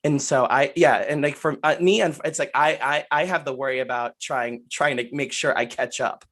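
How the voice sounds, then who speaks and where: A man in his twenties talking on a podcast, halting and restarting often as he gathers his thoughts. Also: mid-range voice, a bit bright. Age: 20s. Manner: halting, many restarts and fillers. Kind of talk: casual podcast chat.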